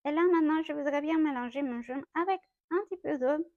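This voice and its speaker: A young Mexican woman talks in French with a clear Mexican Spanish accent, walking through her watercolor kit in a chatty, self-correcting way. Her voice sits a little high, and the sound is dry and close with no room echo. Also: fast, darkish tone, dull audio. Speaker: watercolor artist. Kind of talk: casual art tutorial. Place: home art studio.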